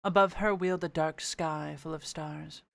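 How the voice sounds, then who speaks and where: A man's voice: on the high side, fairly even intonation, normal speed, vocal fry, fairly bright tone. A man reading a storybook aloud and chatting casually, with a playful, sweary manner. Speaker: amateur book reader. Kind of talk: casual chat and storybook narration.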